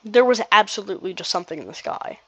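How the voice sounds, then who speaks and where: Casual gameplay commentator, rambles and restarts a lot, very lively delivery, dry close lo-fi recording. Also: medium pitch, fast talker, breathy edge, no room sound. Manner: rambling, restarts sentences, nervous laughs.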